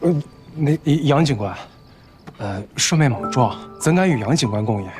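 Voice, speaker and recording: Casting: actor as courteous period gentleman, careful and hesitant, expressive intonation, music behind. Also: medium pitch, normal speed, close to an everyday voice. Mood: apologetic. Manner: polite, hesitant. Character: courteous, cautious gentleman, eldest son. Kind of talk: Chinese costume television drama acting.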